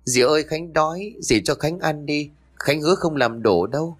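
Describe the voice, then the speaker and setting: A man's voice: on the high side, fairly quick, pitched above the performer's own voice, lightly acted. A man voicing a small, hungry, frightened little boy who pleads through tears in a spoken ghost story. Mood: pleading. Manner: pleading, tearful.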